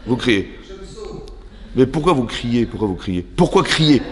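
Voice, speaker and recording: A man with a French accent giving a religious lesson to a women's class as a rabbi, animated and throwing rhetorical questions at his listeners. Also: medium pitch, unhurried, big-room sound. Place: seminary classroom.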